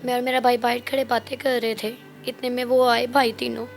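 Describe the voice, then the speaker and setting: A woman's voice: a little high, little pitch movement, fast, vocal fry, soft background music. A young woman, the victim's sister, giving an eyewitness account in a matter-of-fact way.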